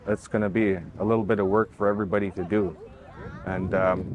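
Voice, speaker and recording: A man giving informal, unscripted interview remarks. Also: on the low side. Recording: clear outdoor vehicle and ambient noise.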